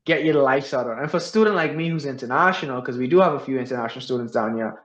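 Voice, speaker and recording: A young Bahamian man who studies veterinary medicine speaks quickly in a medium-pitched voice. He's a guest in a casual interview, talking earnestly and leaning on fillers like "like." The audio is roomy, dull, and lo-fi.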